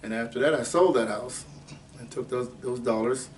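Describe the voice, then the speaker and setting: A man in his eighties from Ohio, telling his life story in an oral history interview at an unhurried, rambling pace with many fillers. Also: medium pitch. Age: 80s. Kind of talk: unscripted life-story reminiscing. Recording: distant mic with faint background noise.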